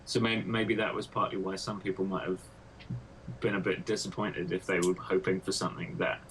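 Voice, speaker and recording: A man with a lowish voice asks questions in a relaxed research interview, faint noise behind him. He thinks aloud as he goes and strings thoughts together with fillers. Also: fairly quick, poor audio. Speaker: interviewer, PhD student.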